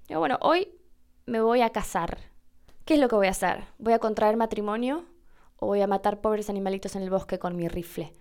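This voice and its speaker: A woman's voice: mid-range voice, a little mellow. A woman, hosting a language lesson and explaining pronunciation patiently with a wry touch. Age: 20s. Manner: patient, wry, with slowed demonstration words. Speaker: Spanish teacher and podcast host.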